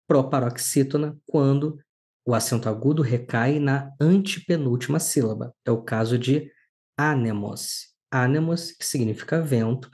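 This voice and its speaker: Man, teacher, mellow tone, careful clear explanations. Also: mid-range voice. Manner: explains slowly and clearly, stresses syllables. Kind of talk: recorded lesson.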